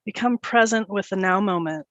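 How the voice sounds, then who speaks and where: A female meditation leader guides a meditation in a medium, mid-range voice that's soothing and unforced. She gives gentle instruction in short phrases with space between them. The audio is dull, with little to no room sound.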